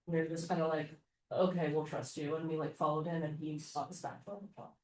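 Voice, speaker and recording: A woman's voice: low-pitched, flat delivery, quick pace, darkish tone. A young female student tells a story in class, casual with many fillers. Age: young adult. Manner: casual, lots of "like". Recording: echoey room, from a distance.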